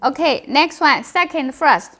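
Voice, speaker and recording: A Mandarin Chinese teacher with a Chinese accent works with beginners on tones, demonstrating syllables and giving short prompts and corrections. Her voice is high with lively intonation and a measured pace, and a crowd can be heard behind her.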